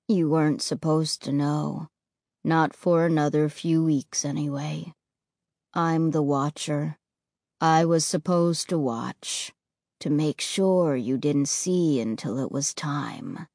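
A woman reading aloud voices a dead boy ghost, speaking in a low, flat, hushed tone. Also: takes it slowly, no room sound, clean studio sound, exaggerated voice. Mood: low menacing.

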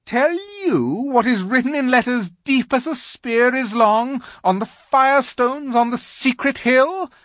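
A reader voicing a cruel, proud witch queen who speaks in a shrill, imperious, menacing way. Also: fairly bright tone, no room sound, clean studio sound.

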